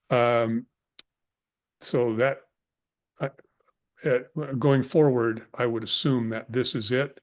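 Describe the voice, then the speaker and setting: Even-toned man giving a halting formal report. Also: mid-range voice. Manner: halting, measured. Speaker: technical adviser presenting to a board.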